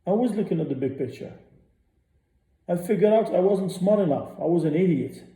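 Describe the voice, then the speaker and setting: A man rants on a radio show, blunt and profane, and he hammers his points again and again. His voice is very dark and sits a little high. The room around him sounds echoey. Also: lively intonation, a little fast. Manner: blunt, profane, repeats himself. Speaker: radio host. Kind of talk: ranting monologue.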